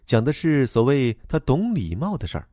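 A man's voice: medium pitch, wildly swooping pitch, normal speed, warm tone, dry recording, studio quality. A man reading a storybook aloud as narrator, in a wry, playful way.

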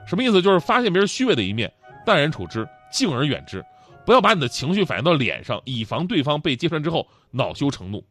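A man's voice: a little high, sing-song, fast, fairly bright tone, dry recording, faint music behind. A man hosting a talk show, telling a humorous story in a chatty manner that often stammers and repeats words.

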